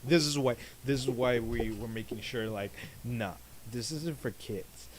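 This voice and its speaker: A podcast co-host chats casually in an unhurried, medium-pitched male voice over a noisy background. He hesitates and stammers, restarting often and leaning on lots of fillers.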